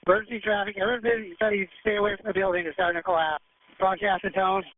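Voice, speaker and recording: A man's voice: high-pitched, fast, no room sound, narrow, tinny audio. A man talking as a firefighter in urgent radio traffic, giving terse, procedural, commanding calls over a two-way radio. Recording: two-way radio with background noise.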